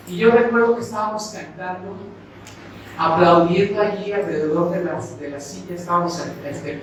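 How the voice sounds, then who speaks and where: A middle-aged Mexican pastor with a high voice preaches to his congregation, calling each listener brother and asking questions he then answers himself. He sounds far from the mic, in a strongly echoing church hall. There is clear noise behind him. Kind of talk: sermon. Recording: echoey church hall heard from a distance with background noise.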